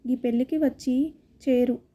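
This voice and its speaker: Woman reads the part of a wounded, bitter mother, high-pitched and soft. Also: steady tone, moderate pace, dull audio. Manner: resentful, wounded. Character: bitter, hurt middle-aged mother.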